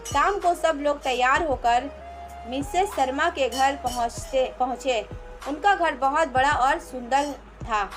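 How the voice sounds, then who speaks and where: A woman narrating a family story in a measured, even reading manner. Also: sits high, faint music behind.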